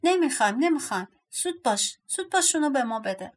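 A woman doing greedy shrill little dwarfs. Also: lively intonation, close to an everyday voice. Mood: greedy clamoring. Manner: shrill, clamoring, repeating demands.

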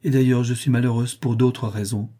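A man's voice: medium pitch, fairly even intonation, brisk, warm tone, breathy edge, lightly acted. A man voicing a proud, unhappy orphan girl of about nine in an audiobook, speaking earnestly and indignantly.

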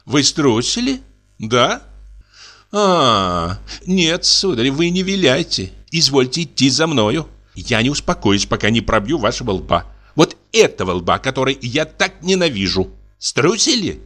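A man's voice: mid-range voice, sing-song, unhurried, bright, forceful tone, exaggerated voice. A man voicing a hot-tempered young widow in indignant, wavering outbursts, as in an audiobook drama reading.

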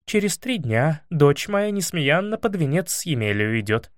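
A shrewd, stern princess from a storybook, calm and commanding as she lectures the hero, as a male narrator puts her on. Her voice sits fairly high and swings about, and the read is dry and close. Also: normal speed, dry recording. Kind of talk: audiobook character voice.

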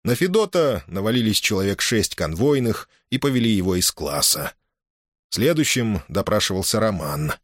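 A man narrating a novel as an audiobook in a steady, expressive reading. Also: on the low side, normal speed, dry recording, clean studio sound.

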